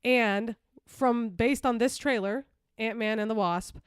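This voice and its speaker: A woman co-hosting a relaxed movie talk show, arguing her points with firm opinions. Her voice is smooth and clear, recorded dry and close with no room sound. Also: fairly high pitch, unhurried, no echo. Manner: opinionated, talks over her partner. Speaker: podcast co-host. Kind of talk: casual movie chat.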